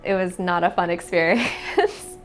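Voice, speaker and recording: A young adult woman from the United States answers interview questions in a casual, chatty way, saying "like" a lot. Her voice is on the low side and a little slow, with soft background music.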